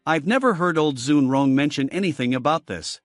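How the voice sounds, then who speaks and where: A man narrating a story recap in a steady, even storytelling manner. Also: fairly high pitch, brisk, dry recording. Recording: dry with faint music.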